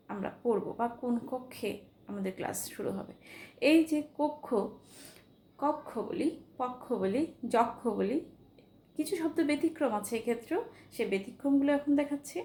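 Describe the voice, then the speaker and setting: A woman teacher giving a pronunciation lesson, patiently repeating each example word slowly. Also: a little high, warm tone. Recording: echoey room with faint ambient noise.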